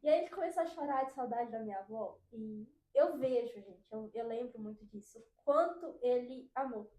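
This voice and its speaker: Young female host, mellow high voice, casual and chatty, roomy room sound. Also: moderate pace. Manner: chatty, addresses listeners as "gente". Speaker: podcast host. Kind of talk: casual chat. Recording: roomy echo.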